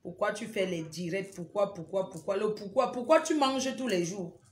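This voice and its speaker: Female live-stream host, medium pitch, pleading and teasing, echoey phone sound. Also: animated, normal speed, a little mellow. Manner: repetitive, urgent pleading with viewers; teasing, scolding banter. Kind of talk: casual live-stream chat. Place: at home indoors.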